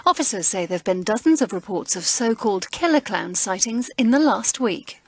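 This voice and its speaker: A woman news reporter reading a scripted report in a brisk, formal way. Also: medium pitch, expressive.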